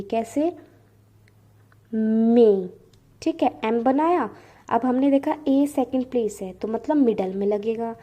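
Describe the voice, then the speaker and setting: A woman teaching shorthand in an online lesson, explaining step by step and repeating example words slowly. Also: fairly high pitch, dark tone.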